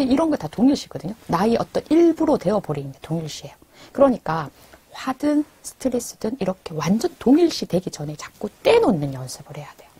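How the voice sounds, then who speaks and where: A woman speaks with a mellow, very breathy voice that often fades into near-whispered endings. Her pitch moves a lot as she asks herself questions and answers them in a calm advice talk. She sounds unhurried and reassuring. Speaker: speaker on everyday wisdom.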